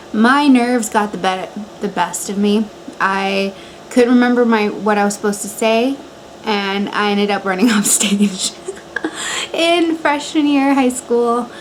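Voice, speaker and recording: Filmed in her bedroom, this Montana vlogger in her twenties talks through a how-to in a relaxed, conversational way, her American-accented voice pitched a little high. A running fan supplies constant background noise, and the sound quality is poor.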